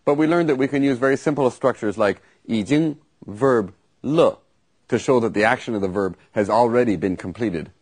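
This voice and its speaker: Husky-voiced man teaching patiently. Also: mid-range voice, darkish tone. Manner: patient, explains slowly with examples. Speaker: language teacher. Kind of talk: explaining vocabulary and grammar.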